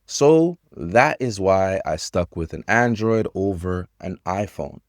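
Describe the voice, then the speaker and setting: Slow-spoken man in his thirties. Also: deep voice, animated, no echo, studio quality. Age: 30s. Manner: slow, simple phrasing with pauses. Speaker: English teacher. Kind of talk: slow English lesson for learners.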